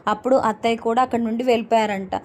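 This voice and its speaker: Woman voicing a worried young husband, earnest, pleading, mellow tone, no real voice change. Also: on the high side, fairly even intonation, racing, slight background noise, close to an everyday voice. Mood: complaining.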